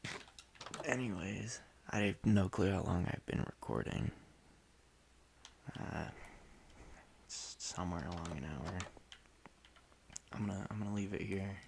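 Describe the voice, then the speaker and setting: A man casually rambling in an offhand, deadpan way while he plays a video game, often restarting his sentences. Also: low voice, measured pace, gravelly, long pauses, noisy background. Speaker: solo podcaster playing a video game.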